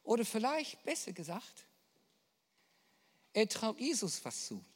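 A woman's voice: a little high, sing-song, measured pace, slightly rough. A woman preaching a sermon, emphatic and building into impassioned prayer, putting questions to her listeners. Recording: long hall reverb.

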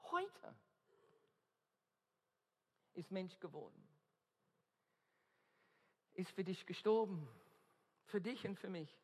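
A high-pitched, expressive voice with a darkish, slightly rough tone delivers an earnest, emphatic evangelistic sermon in German. The Australian preacher, English being his first language, stumbles at times and speaks slowly and deliberately, ringing through a large hall with long, trailing reverb.

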